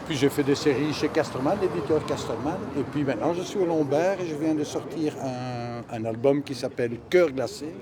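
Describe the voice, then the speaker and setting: A native Dutch speaker from Belgium, a cartoonist and press illustrator, answers interview questions casually amid heavy crowd chatter. His medium-pitched voice moves fairly quickly with few pauses.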